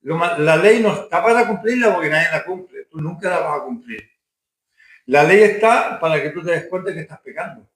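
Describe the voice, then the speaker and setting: A man's voice: on the high side, expressive, fairly quick, fairly bright tone, roomy sound, rough recording. A man preaching a Sunday school sermon in a church, firm and full of rhetorical questions.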